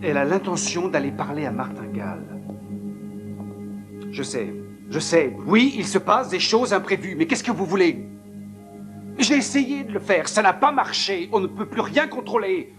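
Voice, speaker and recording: A man's voice: a little high, animated, a little slow, long pauses, music in the background. An actor dubbing a nervous, cornered man on the phone who answers defensively. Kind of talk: French dub of a TV film.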